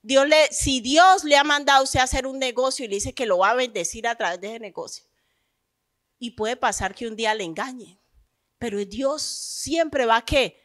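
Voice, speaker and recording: A woman pastor delivers a lively sermon in a high, bright voice. She throws questions at the congregation and acts out the grumbling of believers. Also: normal speed.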